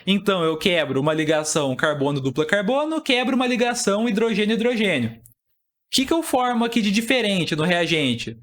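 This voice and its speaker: High-voiced male chemistry teacher. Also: lively intonation, brisk, a bit bright. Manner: explanatory, asks and answers his own questions. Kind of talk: exam-prep chemistry lesson.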